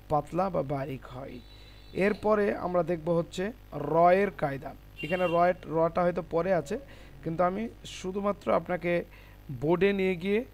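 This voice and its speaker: Man teaching Quran recitation, slow and drawn out. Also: fairly high pitch, slight background noise. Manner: spells out letters and vowel marks, then recites each word slowly and loudly; asks questions to the class. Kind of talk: classroom lesson. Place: classroom with a board.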